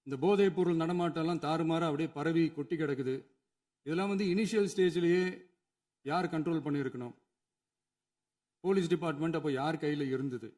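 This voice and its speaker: A man's voice: a little high, a little fast, long pauses, darkish tone. A man, a chief minister, giving an emphatic formal speech in a legislative assembly hall, building his points through repetition.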